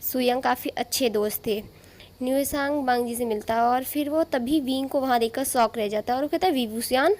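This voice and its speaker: A woman's voice: a little high, a little mellow. A woman narrating a fan story in a casual, chatty way, with asides and restarts as she reads out the characters' lines. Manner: informal retelling with asides and restarts. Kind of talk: casual fanfiction retelling.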